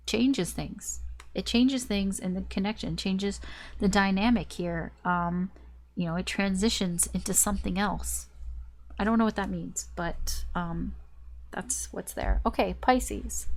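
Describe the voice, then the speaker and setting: A woman giving a casual, rambling tarot reading, her voice stuffed up and nasal as if pinching her nose. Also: medium pitch. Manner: rambling, repetitive, circling back over phrases. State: congested with a blocked nose. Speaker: tarot reader.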